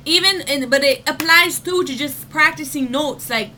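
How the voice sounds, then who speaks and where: A woman's voice: high voice, moderate pace, noisy background. A young woman giving casual singing tips in a home vlog, chatty with lots of fillers, breaking into short sung demo notes.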